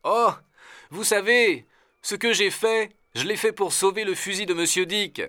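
A high, eager young servant. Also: male voice, a little slow, sharp tone, no echo. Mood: devoted. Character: loyal devoted young male servant, cheerful. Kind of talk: storybook reading.

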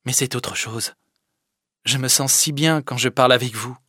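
A man reading an audiobook, voicing a sickly, clingy young village man who speaks softly and plaintively. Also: medium pitch, moderate pace, husky, no room sound, studio quality. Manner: plaintive, soft-spoken. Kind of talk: audiobook character voice.

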